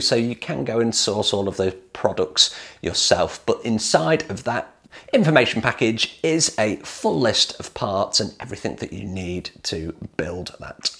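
Man, 40s, lively sales-pitch vlogger, animated delivery, close studio mic. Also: creaky. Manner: energetic, upbeat salesman pitch. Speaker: hot tub builder selling plans. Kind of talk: direct-to-camera promo talk.

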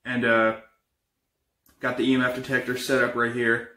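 A young man playing an uneasy paranormal investigator in a found footage horror film, talking in a halting, casual, improvised way. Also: mid-range voice, monotone, bright, forceful tone, close to an everyday voice. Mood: uneasy, matter-of-fact. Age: young adult. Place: indoors, bedroom and kitchen. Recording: echoey room, amateur camera audio.

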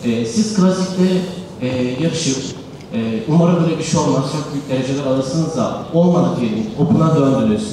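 A man from Istanbul asks a long, hesitant question with many fillers. He speaks fast. He sounds distant in a large hall with long reverb and clear background noise. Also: medium pitch, warm tone. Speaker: audience member asking a question. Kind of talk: question from the audience.

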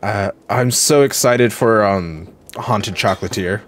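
A man's voice: fairly low pitch, measured pace, a little hiss or hum. A man streaming a video game at home, chatting casually and rambling with lots of "like" and "um". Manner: chatty and rambling, many fillers like "like" and "um". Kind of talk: casual gameplay commentary.

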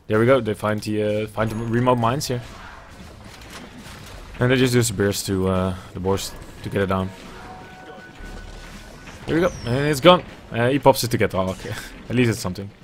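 Faint music plays behind a young Dutch-accented man from the Netherlands as he commentates a video game match alone indoors at home. He is chatty and loose, thinking out loud, swearing from time to time, and speaking at a moderate pace with long pauses in a fairly low voice. He uses earbuds and a webcam at a desk.

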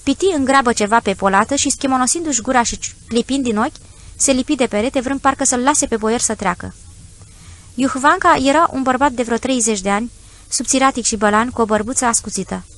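A woman reading a classic story aloud as an audiobook narrator, measured and descriptive. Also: on the high side. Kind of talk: scripted literary narration.

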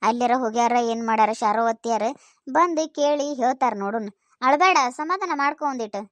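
Girl doing a young village daughter-in-law, north karnataka accent, pleading and polite, really high voice, dry close sound. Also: animated, fast talker, fairly bright tone, no echo. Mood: soothing. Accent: North Karnataka Kannada. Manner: pleading, addresses elders with respectful endings. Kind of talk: village comedy skit.

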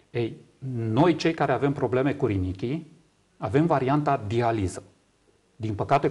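A man's voice: mid-range voice, a little mellow. A man in his fifties from Romania, explaining things emphatically as a guest in a studio interview. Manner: emphatic, repeats words for agreement. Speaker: interview guest, kidney patient advocate. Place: small TV studio, indoors. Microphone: lapel mic.

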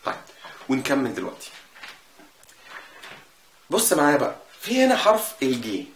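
A man with an Egyptian Arabic accent teaching a casual language lesson, repeating sounds slowly to show them. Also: medium pitch, huge pitch swings, a bit bright. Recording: echoey room with faint noise.

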